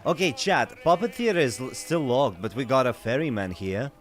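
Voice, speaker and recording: A man's voice: mid-range voice, sing-song, normal speed, soft background music. A man giving casual, chatty commentary while playing a game for his chat. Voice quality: chatty, giggly reactions. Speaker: gaming streamer. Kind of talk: casual let's-play commentary.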